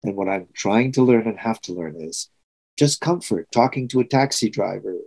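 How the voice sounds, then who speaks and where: A man's voice: fairly low pitch, moderate pace, creaky, a little mellow, poor audio. A sixty-year-old man from Trinidad and Tobago, preaching a sermon in an earnest, reflective way with emphatic swells. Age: 60s.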